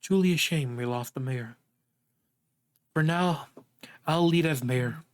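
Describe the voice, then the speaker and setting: A man's voice: fairly high pitch, slow pace. A man narrating as game master of a casual tabletop game, laughing often between rulings.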